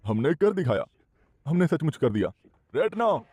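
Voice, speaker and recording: Ritual leader, insistent, slightly high voice, noisy film audio. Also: male voice, big pitch swings, moderate pace, darkish tone. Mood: relieved. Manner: insistent, chanting exhortation. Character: male ritual leader urging on a dying rite. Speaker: dubbing actor. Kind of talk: Hindi film dub.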